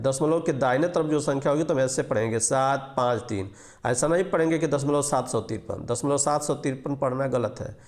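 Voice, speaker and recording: A man with a highish, darkish voice teaches elementary arithmetic one step at a time. Patient and repetitive, he goes through each digit and quizzes before answering.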